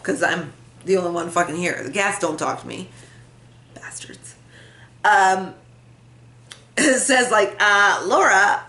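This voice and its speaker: With a medium-pitched, fairly bright voice, a woman vlogs from a room at home, chatting aimlessly to the camera, making fun of herself and laughing a good deal. The built-in camera mic captures the room's echo.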